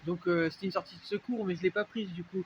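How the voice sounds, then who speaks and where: A man's voice: sits high, steady tone, fast talker, muffled recording, slight background noise. A young man from France with a French accent, chatting loosely in a casual vlog, rambling with lots of fillers and restarts. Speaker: vlogger. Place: dark unlit spot, vehicle noise around.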